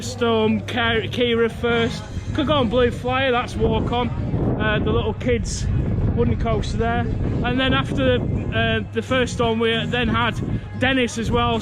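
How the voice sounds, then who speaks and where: A man of about forty, chatting in a rambling, casual walk-and-talk vlog outdoors. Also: very high-pitched. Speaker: theme park vlogger. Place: outdoors in a windy amusement park. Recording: outdoor amusement park with loud music.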